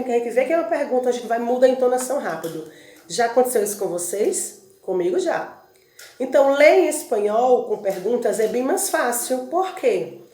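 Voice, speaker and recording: A woman with a Brazilian Portuguese accent teaching a Spanish review lesson, drilling verb forms and lists slowly and checking in with rhetorical questions. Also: a little high, darkish tone, echoey room. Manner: explains patiently, asks rhetorical check-ins. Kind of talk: recorded classroom review lesson.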